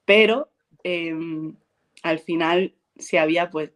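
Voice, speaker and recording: Speaking slowly in a fairly low register, a Spanish actress relaxes into an interview conversation. She animates her anecdotes by playing out quotes, with frequent laughter.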